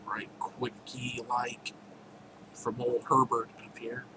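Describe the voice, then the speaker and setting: A man's voice: mid-range voice, flat delivery, slow pace. A man casually walking through his own game, rambling with jokey asides, over a noisy recording. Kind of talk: casual gameplay commentary.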